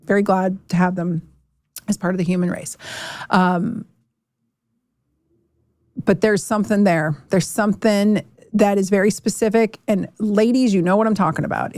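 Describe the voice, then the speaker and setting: A woman's voice: on the low side, darkish tone, no echo. Chatty candid woman doctor, dry sound. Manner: candid, chatty, frequent restarts and mock quotes. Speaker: podcast host and doctor. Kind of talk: casual health talk.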